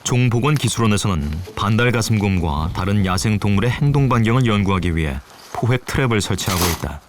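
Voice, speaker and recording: A man reading scripted nature documentary narration in a measured, formal manner. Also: fairly low pitch, animated, background noise. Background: prominent background music.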